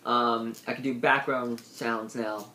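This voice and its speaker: A man's voice: mid-range voice, steady tone, slow pace, pushed and bright. Young male vlog host, casual and conversational, echoey small-room sound with some noise. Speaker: host of a video channel. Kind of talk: casual chat. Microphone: tablet at arm's length. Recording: roomy echo, noisy tablet microphone.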